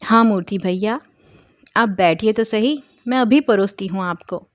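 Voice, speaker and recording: A woman reading a story aloud, voicing a soft-spoken, devoted young wife who pleads through tears. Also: mid-range voice, measured pace, no echo, studio quality, lightly acted. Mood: gentle.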